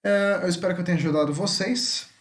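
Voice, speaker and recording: A man teaching an English spelling lesson, repeating English words slowly and tagging nearly every phrase with a questioning "tá?". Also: high voice. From Brazil. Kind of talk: recorded homeschool lesson.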